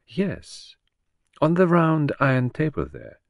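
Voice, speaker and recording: A man voicing a fastidious middle-aged male detective, precise and probing, in an audiobook. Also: on the high side, huge pitch swings, creaky, no room sound, pitched above the performer's own voice, full character voice. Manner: precise, probing, coolly insistent. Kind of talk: audiobook character voice.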